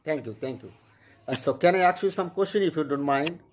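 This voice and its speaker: A man, practicing English in a halting, flattering way on a video call. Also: on the high side. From Bangladesh. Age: 20s. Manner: halting, repeats okay, flattering. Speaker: channel host practicing English. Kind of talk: casual chat.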